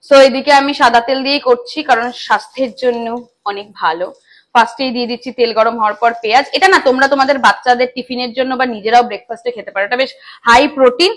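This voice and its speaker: A young woman vlogs on a phone camera, talking casually to her viewers and slipping English phrases into her sentences. She talks fast in a slightly high voice. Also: a bit bright. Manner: chatty, mixes English phrases into her talk. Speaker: lifestyle vlogger. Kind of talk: casual vlog chat to viewers.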